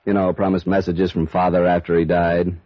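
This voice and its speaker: An actor playing a mild-mannered, quietly worried male insurance broker, measured and formally polite, in a 1950s radio drama. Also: low voice, little pitch movement, no echo, close to an everyday voice. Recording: muffled dry old radio recording.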